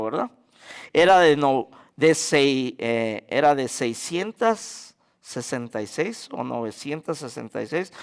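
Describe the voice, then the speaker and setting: A man preaching a sermon, asking the congregation questions and answering them himself, rising sharply in pitch when he quotes scripture. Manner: animated, jumps in pitch when quoting scripture. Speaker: pastor.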